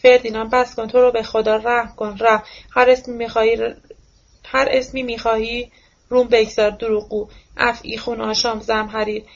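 A woman's voice: on the high side, flat delivery, lo-fi sound. A woman doing a theatrical older man raging. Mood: outraged. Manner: declamatory, accusing outbursts.

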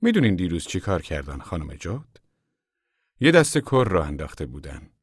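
A man's voice: sits low, very animated, slightly rough, no echo, clean studio sound, full character voice. A man reading an audiobook, voicing a small, friendly, talkative camp manager. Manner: warm, friendly, chatty. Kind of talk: audiobook character voice.

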